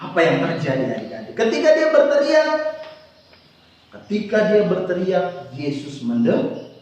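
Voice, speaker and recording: A man's voice: high voice, huge pitch swings, moderate pace, a little mellow. A man telling a Bible story to children at a Sunday service, asking them questions as he goes. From Indonesia. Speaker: Sunday school teacher. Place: church hall. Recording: echoey hall from far off.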